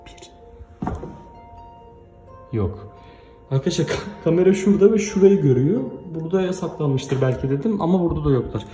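A man's voice: on the high side, dark tone. A young man vlogging from his home, talking to his viewers in a frantic, confused, exclaiming way. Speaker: YouTuber. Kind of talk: excited vlog talk to viewers.

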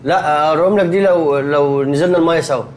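A man's voice: on the high side, a little mellow, slight background noise, lightly acted. An actor playing a nervous, easily spooked young man who complains fussily, speaking Egyptian Arabic. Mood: anxious. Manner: fast, anxious, fussy complaining. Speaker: Saif, comic film character. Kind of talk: Egyptian comedy film acting.

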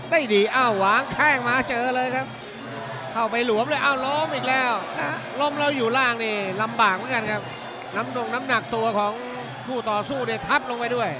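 High-pitched man, blow-by-blow fight commentary. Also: fairly even intonation, a little fast. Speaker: Muay Thai commentator. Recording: very loud crowd and music behind. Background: roaring crowd and loud music.

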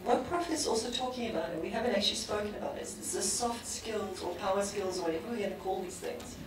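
A woman with a South African English accent speaking directly and briskly on a conference panel. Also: medium pitch. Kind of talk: panel discussion. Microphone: handheld mic. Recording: very echoey hall, distant, background noise.

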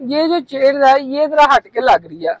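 High-voiced young male vlogger, dry lapel sound. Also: big pitch swings, no room sound. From Pakistan. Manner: brisk, upbeat presenter, peppers lines with "ji". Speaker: vlogger host. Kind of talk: walking market tour vlog. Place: outdoor warehouse yard. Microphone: clip-on lapel mic.

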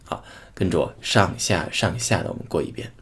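Man, language teacher, husky tone, lively pitch, slow repeated sound demonstrations. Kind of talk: pronunciation lesson.

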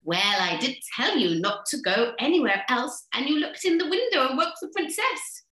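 A woman's voice: high voice, sing-song, normal speed, bright, forceful tone, roomy sound, heavily acted. A woman voicing a sly, clever male fox who patiently explains what must be done, in a storybook reading. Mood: knowing.

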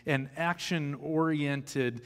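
A man's voice: fairly high pitch, slow, a bit bright. Man, thirties, pastor, conversational sermon, church stage, reverberant sanctuary. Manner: conversational teaching with occasional restarts, gesturing on stage.

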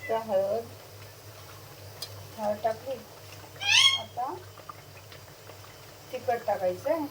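Cooking at home for a vlog, a woman talks to her cat and bird as she works, scolding them with a coaxing singsong. She speaks very slowly in a slightly high voice, recorded from a distance in the kitchen, with loud background noise and the pets crying.

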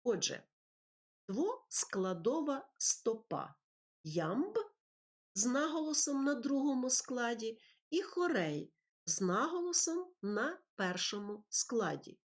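A woman teacher narrating a lesson over slides, speaking slowly and clearly as she explains poetry and meter. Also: fairly high pitch, very animated. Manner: slow, clear, explanatory delivery with recited verse.

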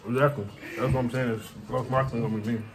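A man's voice: mid-range voice, flat delivery, racing, background noise. A young man in casual family chat, giving laid-back, mumbled replies.

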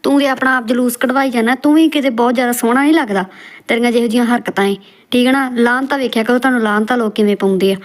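Woman, mocking roast commentary, brisk pace. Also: on the high side, steady tone. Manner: scolding, mocking.

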